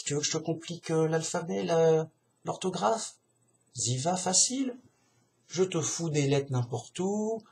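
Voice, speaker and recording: Slow, slangy French-speaking man rambling. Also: fairly high pitch, gravelly. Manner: slangy, digressive, talks to listener as mec. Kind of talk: casual rambling monologue.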